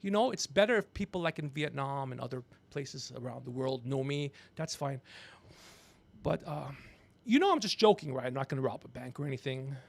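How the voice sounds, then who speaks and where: On his livestream, a male comedian who hosts a podcast jokes around, wanders between topics, and talks himself up while chatting with an off-mic crew member. His mid-range voice is creaky, brisk, and expressive; he uses a podcast microphone and headphones.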